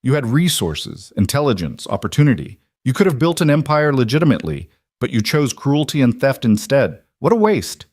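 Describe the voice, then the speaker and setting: A man voicing a calm, firm federal marshal in a western tale. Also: on the low side, normal speed, dry recording, studio quality. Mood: stern. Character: stern, fair-minded federal marshal, grown man.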